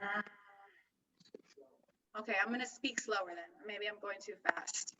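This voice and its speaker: A woman real estate broker chatting through her pitch on a video call, her audio breaking up and cutting in and out. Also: unhurried, sharp tone, slight background noise, low-quality recording. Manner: chatty, with many restarts and asides.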